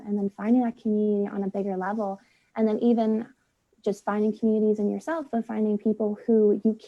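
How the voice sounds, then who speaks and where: The audio is dull, but this young American guest's voice comes through warm and medium-pitched. She's chatty in a casual conversation, filling her speech with "like" and performing quotes as she tells things.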